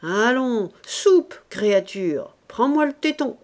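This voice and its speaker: A woman voicing a blustering gruff old vagabond. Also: mid-range voice, big pitch swings, unhurried, mellow. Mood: gruff scolding. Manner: blustering, ranting, grandly insulting. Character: gruff grumbling old male vagabond philosopher. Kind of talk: audiobook character reading.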